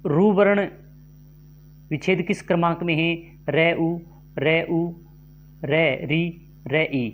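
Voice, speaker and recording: A teacher with a somewhat high voice runs an exam-prep grammar lesson, reading multiple-choice questions and their options aloud before explaining each answer unhurriedly and deliberately. His intonation stays fairly even, and the sound is phone quality.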